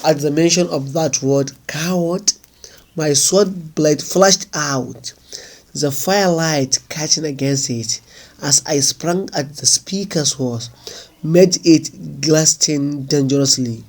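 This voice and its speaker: A man reading a folk tale aloud in a measured, unhurried storytelling manner. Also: fairly high pitch, a little mellow. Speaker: narrator.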